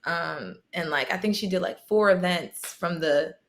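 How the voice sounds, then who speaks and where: Animated young woman telling stories. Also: on the low side, a little slow. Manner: animated storyteller, laughs often. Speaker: guest athlete. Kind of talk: casual chat.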